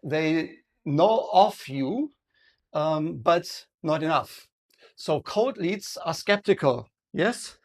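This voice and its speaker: A man's voice: on the high side, expressive. A man with a German accent presenting a live sales workshop, often checking in with the audience and restarting his sentences. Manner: engaging, asks the audience frequent questions; halting, many restarts and fillers.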